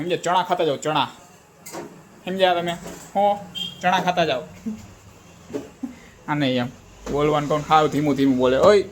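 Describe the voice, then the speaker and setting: A young man talks casually through his daily home vlog. His voice sits a touch high, and his banter is playful and teasing. Faint household noise runs behind him. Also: poor audio. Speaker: family vlogger.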